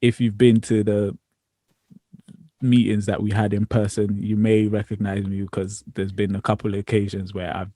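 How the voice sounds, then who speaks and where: A man in his twenties hosting a casual podcast chat, relaxed and easygoing, with frequent ums. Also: on the low side, moderate pace, no echo. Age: 20s. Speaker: podcast host.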